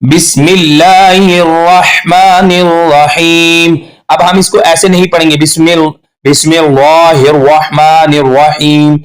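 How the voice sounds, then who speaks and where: A man teaching tajweed pronunciation, patiently correcting mistakes and slowly stretching out recited examples. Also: fairly high pitch. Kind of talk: tajweed lesson with slow demonstrations.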